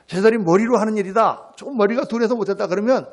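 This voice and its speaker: A middle-aged man preaching a Sunday sermon as pastor, swinging between loud exclamations and hushed near-whispers. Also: high-pitched, fast talker.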